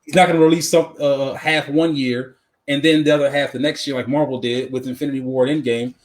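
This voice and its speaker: On a live podcast, a male co-host chats casually, offering his opinions and repeating phrases for emphasis. His medium-pitched voice is fairly quick and fairly even in intonation.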